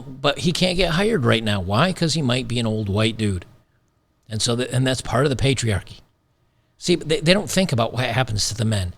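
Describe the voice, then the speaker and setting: A commentary channel host with a medium-pitched, gravelly voice delivers an opinionated show, emphatic and sarcastic, repeating phrases for effect. His voice sounds a little worn, as though he's slightly losing it.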